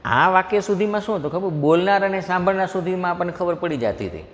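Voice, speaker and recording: A man with a Gujarati accent teaching English grammar, explaining each step patiently, reading example sentences slowly and asking the class questions. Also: high-pitched, expressive. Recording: faint noise, long hall reverb.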